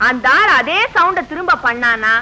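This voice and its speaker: A woman's voice: high-pitched, lively intonation, moderate pace, sharp tone, slight background noise, heavily acted. An actress playing a spirited young woman who teases and stands her ground, in a 1970s film scene. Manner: playful teasing, then spirited. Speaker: young woman in love, daughter.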